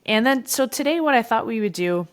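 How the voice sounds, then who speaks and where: A woman's voice: a little high, animated, brisk. A woman co-hosting a history podcast, explaining in a loose, chatty way with fillers and frequent laughs. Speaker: podcast co-host. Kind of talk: casual history podcast chat. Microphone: headphones and remote recording setup.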